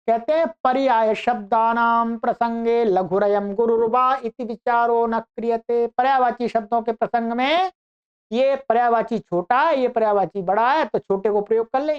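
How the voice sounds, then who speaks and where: A woman teaching Sanskrit grammar in an online lecture. She reads Sanskrit lines slowly and then explains them in Hindi. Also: on the high side, a little mellow, clear, resonant tone, muffled recording.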